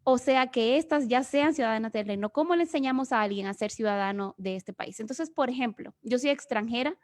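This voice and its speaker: Over a remote video session, a Dominican woman with a Dominican Spanish accent gives an earnest, explanatory Bible teaching as a guest speaker. Her voice is a little high and a little fast.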